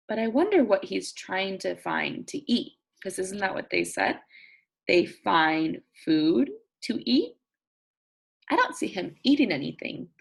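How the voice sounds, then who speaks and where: Her medium-pitched voice creaky and edged with breath, a woman plays a teacher of little children reading a nonfiction book. She is expressive and deliberate, prompting her audience with questions and reasoning aloud in simple words.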